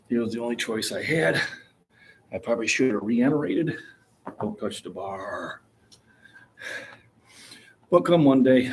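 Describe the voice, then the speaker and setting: A man in his sixties with a voice on the low side gives casual gym vlog talk about his lifting. He's plainspoken and rambling and chuckles easily, and a little hiss or hum runs under the audio.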